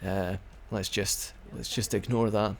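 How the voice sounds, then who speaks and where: A man's voice: on the low side, steady tone, measured pace, slight background noise. Chatty man commenting on a game. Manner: chatty and rambling, with frequent restarts. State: hiccuping. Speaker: let's play commentator. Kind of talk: casual gameplay commentary.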